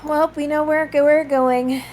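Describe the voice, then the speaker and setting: Female gamer: high, unhurried, casual role-play delivery over soft music. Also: level tone. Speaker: player in a tabletop game show.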